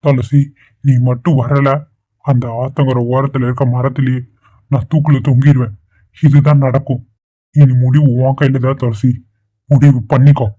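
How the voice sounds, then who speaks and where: A man's voice: mid-range voice, little pitch movement, normal speed, pauses often, warm tone, lightly acted. A man voicing a desperate, lovesick young man in a dubbed cartoon, who pleads insistently. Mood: pleading. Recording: tinny phone-like recording.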